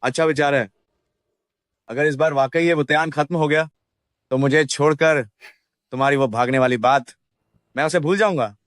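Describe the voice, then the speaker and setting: A man's voice: a little high, normal speed, pauses often, a bit bright, no room sound, studio quality, lightly acted. A man dubbing a vengeful villain, bitter and scornful in his speech.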